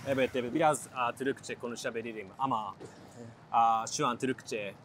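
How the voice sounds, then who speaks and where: A man's voice: medium pitch, fairly even intonation, normal speed, heavy background noise. A man in his thirties with a Japanese accent, chatting casually in hesitant, broken Turkish as a foreigner, in short simple phrases. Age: 30s. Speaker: interview guest, engineer. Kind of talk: casual on-camera chat. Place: outdoors, walking in a city.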